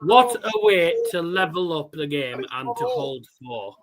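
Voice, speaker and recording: Slow, lively man who can't say his R's. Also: a little high, a loud crowd, rough recording. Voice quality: cannot pronounce R sounds properly. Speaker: darts watchalong host. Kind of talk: casual live match commentary.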